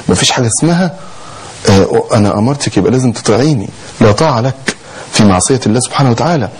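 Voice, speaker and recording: A man's voice: mid-range voice, a little mellow, breathy edge, low-quality recording. A man preaching in a sermon with an Egyptian accent, exhorting passionately and firing rhetorical questions.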